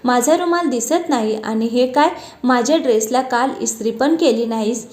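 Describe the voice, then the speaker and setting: A woman's voice: fairly high pitch, normal speed, a little mellow, roomy sound, close to an everyday voice. A woman reading the part of an irritable middle-aged husband who scolds his wife, in a storybook narration. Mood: scolding. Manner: scolding, complaining.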